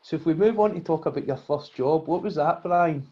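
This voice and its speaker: Male host, mellow dark voice pitched a bit high, muffled lo-fi mic. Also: fairly quick. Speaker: podcast host. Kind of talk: interview hosting.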